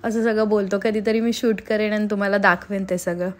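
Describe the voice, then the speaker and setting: A woman in her thirties, a homemaker vlogging casually at home, chatty with frequent pauses and fillers. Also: mid-range voice, fairly even intonation, soft background music. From Maharashtra, India. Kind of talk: casual vlog chat and voice-over.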